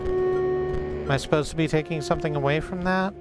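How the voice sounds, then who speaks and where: A man's voice: fairly high pitch, wildly swooping pitch, moderate pace. A man giving casual video game commentary, thinking aloud in a rambling way as he plays. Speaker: game streamer. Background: music.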